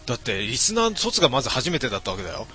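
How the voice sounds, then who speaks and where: A man's voice: medium pitch, very animated, rapid-fire, pushed and bright, soft background music. A middle-aged man streaming late at night, reading viewer comments aloud in a casual, mumbling way with many fillers.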